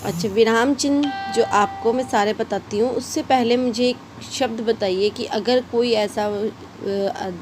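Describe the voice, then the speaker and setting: A woman's voice: fairly high pitch, fairly even intonation, unhurried, hardly any pauses, background noise. A woman teaching a shorthand lesson in a casual way, explaining patiently and repeating her examples. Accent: Hindi-English mixed.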